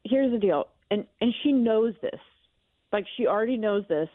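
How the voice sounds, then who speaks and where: A woman's voice: mid-range voice, expressive, moderate pace, no echo. A woman heard over speakerphone on a radio show, talking reluctantly and uneasily about an awkward matter with a friend. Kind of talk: phone call on a morning radio show. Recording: tinny phone line.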